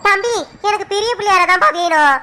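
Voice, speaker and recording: A woman plays a stubborn village wife in a family cartoon, a woman who argues and bargains without backing down. Her voice is very high and bright, with a slight hiss behind it. She sounds both demanding and easily offended. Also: quick pace. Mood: haggling. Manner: stubborn, argumentative, bargains hard. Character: quarrelsome village wife haggling over an idol. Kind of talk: cartoon voice acting.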